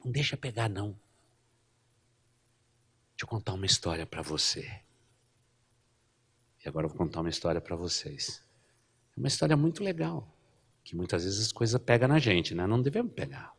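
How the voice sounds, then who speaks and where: Lively low-voiced Brazilian pastor preaching. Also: male voice, fairly quick, vocal fry, pauses often, slightly rough. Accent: Brazilian Portuguese. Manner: lively storytelling, asks the congregation "não é?". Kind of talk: sermon.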